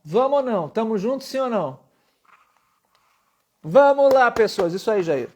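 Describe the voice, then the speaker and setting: A man's voice: sits high, sing-song, fast talker, a little mellow. A man teaching public speaking in a live-streamed lesson, emphatic, often putting questions to his viewers.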